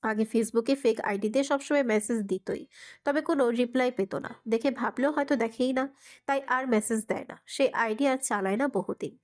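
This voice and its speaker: A woman's voice: a little high, moderate pace. Woman narrating a romance story.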